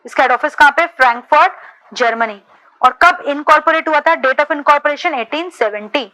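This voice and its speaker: A woman teacher with a high, bright voice runs an exam-prep lecture. She fires quick questions at her students and mixes Hindi with English. She keeps checking that they are following along. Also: rough recording. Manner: repeats "ठीक है" to check understanding.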